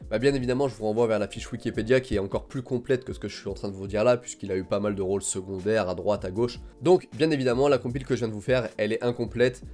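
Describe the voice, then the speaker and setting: A man's voice: on the low side, fairly even intonation, quick pace, few pauses, a little mellow. A man hosting a casual video commentary, talking in an enthusiastic, colloquial way. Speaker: video host. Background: background music.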